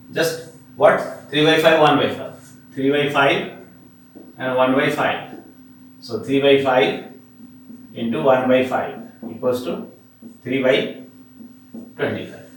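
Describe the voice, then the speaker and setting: Slow Indian-accented male teacher in echoey room. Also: mid-range voice. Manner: repetitive, poses questions and answers them himself. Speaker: maths teacher. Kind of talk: classroom lesson, explaining step by step. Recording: echoey room, distant mic, faint noise.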